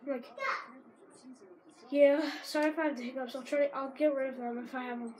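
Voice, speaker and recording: A high-pitched, brisk female voice belongs to a teenage gamer with a sore throat. She rambles casually as she commentates her game and erupts into excited shouts at key plays.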